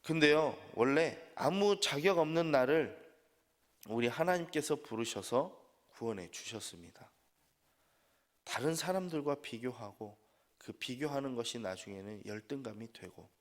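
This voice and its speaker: A man preaching as pastor at an early-morning prayer service, earnest, rising on key phrases and trailing off softly at the ends of sentences. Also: mid-range voice, lively intonation, measured pace. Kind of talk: sermon. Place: church sanctuary. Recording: long church hall reverb.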